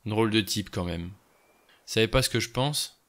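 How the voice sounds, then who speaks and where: A gruff ex-inspector, blunt and suspicious, as a man puts him on. He mutters his doubts in a low, bright voice. His words come out short and plain. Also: normal speed, close to an everyday voice.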